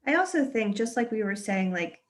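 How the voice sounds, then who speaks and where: A woman's voice: medium pitch, very animated, fairly quick. A woman casting director giving encouraging, conversational advice in a webinar Q&A over a video call. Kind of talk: webinar Q&A answer.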